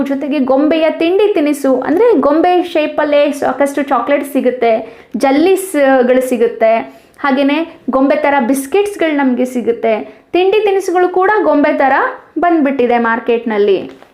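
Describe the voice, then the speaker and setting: A woman's voice: sits high, moderate pace, darkish tone, echoey room. A young adult woman teacher, explaining a school lesson to children and answering her own questions to the class.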